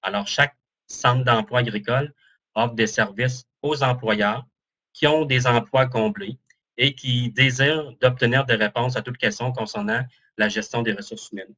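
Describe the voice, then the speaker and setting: A man's voice: medium pitch, fairly even intonation, moderate pace, sharp tone. A man with a Québécois French accent giving a webinar presentation as an employment counsellor, chatty and joking about himself, with many fillers, speaking over a video call.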